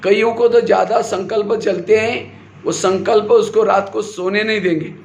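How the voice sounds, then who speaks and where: Male spiritual teacher, high voice, quizzes the audience and answers himself, echoey hall. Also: fairly even intonation, normal speed. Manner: asks the audience questions and answers them himself. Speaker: spiritual teacher giving a class. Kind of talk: sermon-style spiritual class. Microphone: handheld or stand mic. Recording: echoey hall with faint noise.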